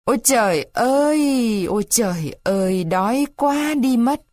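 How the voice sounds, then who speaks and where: A woman voicing a lively, mischievous wooden puppet boy in a storybook reading, with a high childish voice. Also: measured pace, dry recording, clean studio sound. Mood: hungry whining. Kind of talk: storybook read-aloud.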